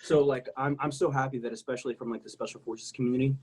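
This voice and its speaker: A man's voice: medium pitch, fairly even intonation, fast talker, a little mellow, breathy edge, rough recording. A man from South Texas talking casually as a podcast guest, candid and rambling, swearing freely. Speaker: guest, military veteran.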